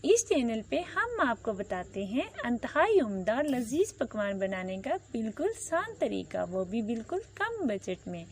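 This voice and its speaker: Standing at the kitchen stove, a cooking-channel host with a Pakistani Urdu accent speaks unhurriedly in a slightly high voice with big pitch swings and barely any pauses. The low-quality recording carries some hiss or hum, plus frying, sizzling oil, and stirring, as she politely lists each quantity step by step.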